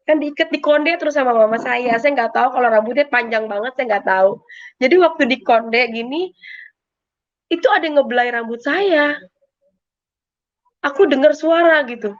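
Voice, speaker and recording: Woman w slang telling her faith testimony, kinda high voice, emotional and repetitive, muffled audio. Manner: emotional, colloquial, repetitive storytelling. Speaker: testimony giver. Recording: muffled lo-fi sound.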